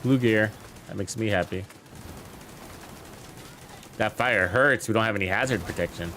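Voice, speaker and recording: A man's voice: fairly low pitch, moderate pace, pushed and bright, slight background noise. A man giving casual, chatty commentary while playing a shooter game and talking to his viewers. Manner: chatty, upbeat, talks to viewers. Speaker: gameplay streamer.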